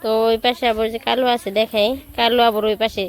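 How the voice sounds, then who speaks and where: A woman's voice: little pitch movement, quick pace. Chatty village woman on a night walk. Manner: chatty, talks to the viewers and coos at pets in a high voice. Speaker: village vlogger. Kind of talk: casual vlog narration on a night walk. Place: outdoors in a village at night, by a pond and rice fields. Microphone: phone camera held while walking. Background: wind and rural sounds.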